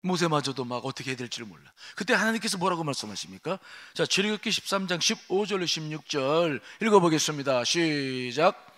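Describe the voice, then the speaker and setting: A male pastor preaches a sermon at an early-morning prayer service in a fairly high, ringing voice. His delivery is emphatic and full of movement, dropping to quiet asides and then rising to forceful outbursts. He keeps asking the congregation rhetorical questions. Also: animated, brisk, few pauses. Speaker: senior pastor.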